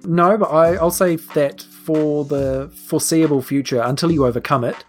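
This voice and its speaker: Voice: mid-range voice, normal speed, soft background music. Casual, laughing game master. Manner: casual, laughing, explaining rules. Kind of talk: narrating a tabletop game.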